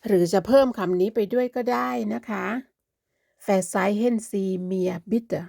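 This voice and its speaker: A woman teaches a beginners' language lesson in a slightly high, mellow, creaky voice, talking a little fast. She explains politely and patiently, drawing out each example word in slow narration, and the studio-quality audio has no room sound.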